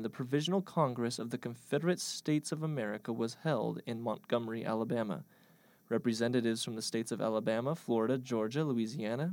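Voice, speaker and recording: A man narrating a mock-historical comic tale in a deadpan, mock-grand manner. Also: medium pitch, dry recording.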